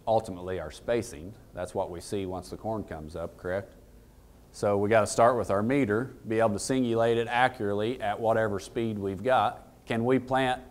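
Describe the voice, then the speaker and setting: A man in his thirties giving a casual technical talk to an audience in a conference room, plain-spoken and folksy, often asking the room questions. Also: fairly low pitch. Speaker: equipment dealer presenter.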